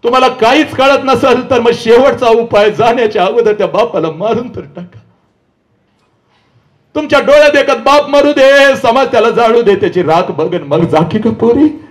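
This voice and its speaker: A man giving an impassioned public lecture to a live audience. He shouts, pleads and scolds his listeners directly. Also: very high voice, expressive, normal speed. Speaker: public speaker addressing an audience. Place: live event before an audience.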